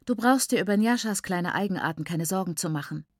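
A woman's voice: fairly low pitch, no echo, studio quality, natural voice. Woman doing a chatty, scolding mother. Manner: brisk, admonishing, falsely cheerful. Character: chatty proper mother lecturing on manners.

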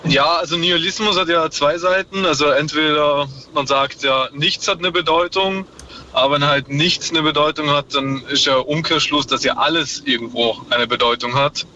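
A caller phones into a radio show from a moving car using a hands-free speakerphone, musing hesitantly and leaning on lots of fillers. His fairly high voice is steady, moderately paced, pushed and bright. The line is muffled, with faint noise.

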